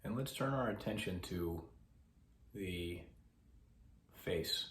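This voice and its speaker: A man with a low, deep voice guides a meditation, slow and calm, pausing often between instructions. His voice rings in an echoey room over a faint background hiss. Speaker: mindfulness instructor.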